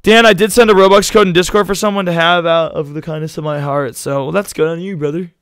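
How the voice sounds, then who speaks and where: A man's voice: on the high side, steady tone, fast talker, fairly bright tone, smooth, no echo. A young man streaming live, rambling casually to his chat in slangy talk, his voice a little worn out.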